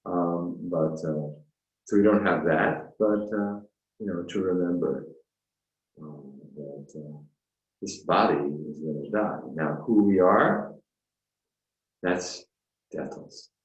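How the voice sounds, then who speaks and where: A man, a spiritual teacher, giving an unhurried, reflective dharma talk with frequent fillers and asides. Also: low voice, reverberant, muffled recording.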